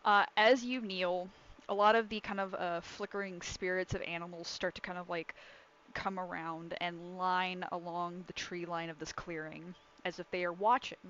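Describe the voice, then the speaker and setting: A woman's voice: on the low side, level tone, moderate pace, fairly bright tone, dull audio, a little hiss or hum. A woman running a tabletop game, improvising descriptive narration in an informal way. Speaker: game master.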